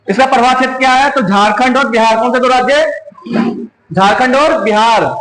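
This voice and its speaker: A man's voice: very high voice, a bit bright, echoey room, rough recording. A male exam coaching teacher giving a classroom lecture, who asks quiz questions and answers them himself, repeating each key word.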